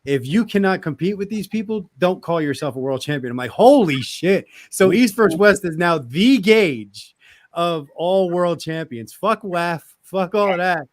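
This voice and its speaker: A middle-aged American man chatting casually in a blunt, animated way with plenty of swearing. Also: high-pitched, normal speed. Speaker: participant in arm wrestling live chat. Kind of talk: casual chat.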